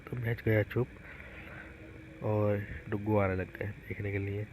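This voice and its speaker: A man's voice: on the low side, little pitch movement, measured pace, a little mellow, slight background noise, low-quality recording. A man, a father, casually narrating a home vlog about his young sons in a chatty storytelling way. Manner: chatty storytelling, retelling the kids' antics.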